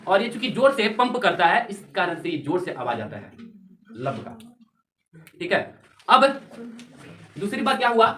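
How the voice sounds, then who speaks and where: A male teacher giving a classroom lecture, constantly quizzing his students and repeating their answers. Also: very high-pitched. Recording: echoey classroom, distant mic, students heard.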